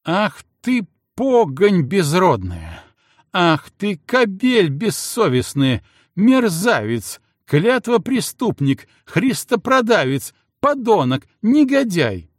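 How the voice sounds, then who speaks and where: A man's voice: takes it slowly, creaky, breathy edge, no room sound, studio quality, heavily acted. A man voicing a furious jealous princess who screams insults at her husband. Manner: screaming insults, shrill and frantic. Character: furious jealous young princess, shrieking wife.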